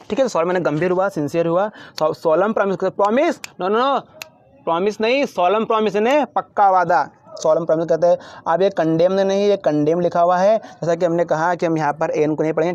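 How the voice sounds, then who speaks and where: A man's voice: high voice, muffled recording. A man teaching English words as an instructor, repeating each word and asking questions back to his students. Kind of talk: Hindi-language English vocabulary lesson.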